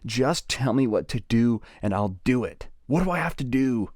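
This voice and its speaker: A man's voice: mid-range voice, lively intonation, moderate pace, darkish tone, no echo, studio quality, pitched above the performer's own voice, natural voice. A man voicing a terrified male prisoner who pleads under torture as he retells a story. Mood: begging. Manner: pleading, rising to screams.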